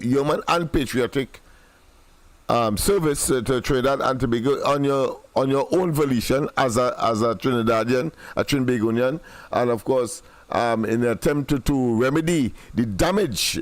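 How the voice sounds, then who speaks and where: A man's voice: medium pitch, normal speed, no room sound. A man hosting a political talk show, speaking in formal phrases with frequent hesitations and restarts. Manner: hesitant, many fillers and restarts, formal wording.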